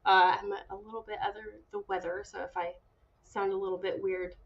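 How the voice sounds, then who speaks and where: A woman's voice: medium pitch, flat delivery, brisk, gravelly, lo-fi sound. A woman podcast host delivering an upbeat, scripted show introduction to listeners.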